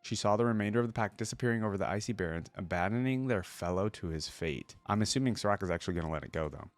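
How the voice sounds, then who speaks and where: A man hosts a reaction video, reading lore aloud and thinking out loud with casual, rambling commentary. His voice is fairly low with lively intonation, he talks very fast, and there's no room sound.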